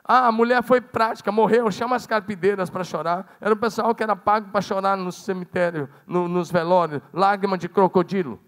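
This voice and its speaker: A Brazilian Portuguese-speaking man preaching a sermon as pastor, swinging dramatically between loud calls and hushed, low passages. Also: steady tone, brisk, hardly any pauses. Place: church sanctuary. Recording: long church hall reverb.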